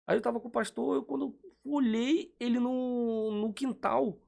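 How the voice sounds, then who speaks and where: A man's voice: extremely high pitch, steady tone, a little slow, gravelly, darkish tone. A man who is a church guest, telling a testimony in a fervent, emphatic way. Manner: fervent, emphatic preaching turns. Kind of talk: casual testimony chat.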